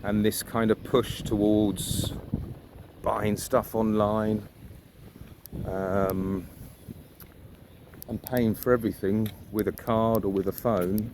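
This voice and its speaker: Walking by a river, a vlogger speaks slowly in a darkish, low, flat voice, leaving long pauses as he wonders aloud and poses rhetorical questions. Outdoor noise of birds and traffic sits in the background.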